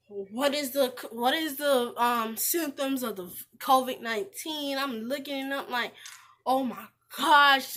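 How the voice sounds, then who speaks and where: High, bright-voiced woman vlogger, animated. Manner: animated, talks straight to viewers. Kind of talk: casual storytelling to camera.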